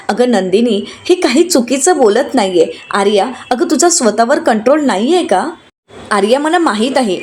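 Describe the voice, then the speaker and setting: A woman's voice: a little high, darkish tone, lightly acted. A woman reading a stern accusing young husband. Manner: reproachful, lecturing.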